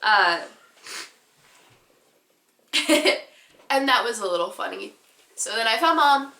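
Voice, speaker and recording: A teenage girl with a high, bright voice tells a story-time vlog, animated and giggly with rambling asides. She talks at an unhurried pace, and her voice rings around a roomy, echoey space. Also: creaky. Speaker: vlogger.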